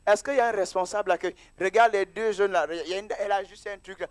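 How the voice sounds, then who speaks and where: A man's voice: high-pitched, steady tone, fast. A man preaching as pastor at a church service, casual and teasing, mixing sermon with banter with the congregation.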